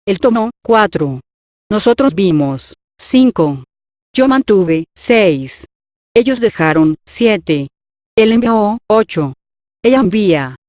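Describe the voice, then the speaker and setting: A woman's voice: medium pitch, no echo. Woman reading numbered exercises, dull dry audio. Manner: measured, even dictation of numbered items. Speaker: lesson reader.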